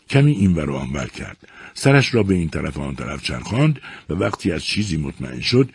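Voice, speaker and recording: A man narrating short stories in a measured, expressive scripted reading. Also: low voice, slightly rough, dry recording. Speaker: storyteller.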